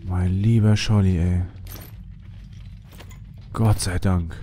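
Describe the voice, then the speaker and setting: A man's voice: low voice, fairly even intonation, slow, mellow, a little hiss or hum. A young man commenting on a survival game, whispering when he sneaks and yelping when startled. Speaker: let's player. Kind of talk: gaming commentary.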